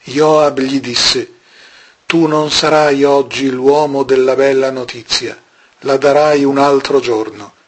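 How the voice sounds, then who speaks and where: A man reads scripture aloud at an unhurried pace, leaving long pauses between phrases. His voice is husky and breathy and sits at an ordinary male pitch. The delivery stays measured and solemn throughout. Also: fairly even intonation. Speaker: scripture reader. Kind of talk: slow scripture reading.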